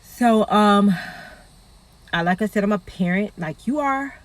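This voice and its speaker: A woman's voice: medium pitch, animated, unhurried. A middle-aged woman, a 911 dispatcher talking casually and earnestly to her viewers. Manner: chatty, earnest, warns listeners with pleading repetition. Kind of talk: casual talk to camera.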